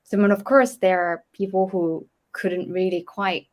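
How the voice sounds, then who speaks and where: A woman who grew up in Asia, interviewing a guest in a relaxed and reflective way and relating the story to her own. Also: medium pitch, normal speed. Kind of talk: casual interview.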